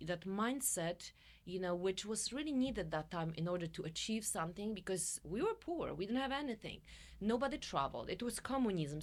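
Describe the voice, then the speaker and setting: A middle-aged woman from Poland with a Polish accent, a guest talking expressively in an interview and laughing often. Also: mid-range voice. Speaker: guest, coach and musician. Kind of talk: interview conversation.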